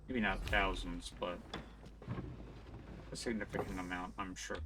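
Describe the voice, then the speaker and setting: A man's voice: sits low, fairly even intonation, a little slow, recorded from a distance, noisy background. A man casually commenting while streaming a game, offhand and swearing now and then. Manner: offhand, profane, wry.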